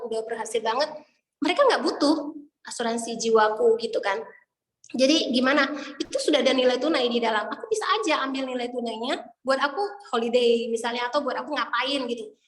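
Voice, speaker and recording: Woman trainer talking casually to her team, lots of examples, kinda high voice, roomy echo. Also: fairly bright tone. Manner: chatty, explains with examples and asides. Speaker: insurance sales trainer. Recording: echoey room with long reverb.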